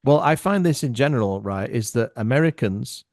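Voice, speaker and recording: A middle-aged man talks as a podcast guest in a dry, close-miked voice of middling pitch. He tells his stories with animation and casual swearing, shifting his voice to act out other people. His tone stays loose and conversational. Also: lively intonation, normal speed, gravelly, darkish tone, no room sound. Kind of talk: casual storytelling chat.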